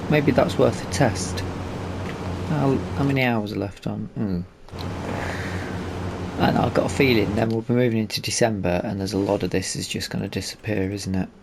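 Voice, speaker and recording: A man casually commenting on a farming game as he plays, thinking aloud in a relaxed way. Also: on the low side, normal speed, gravelly, background noise. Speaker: gaming channel host.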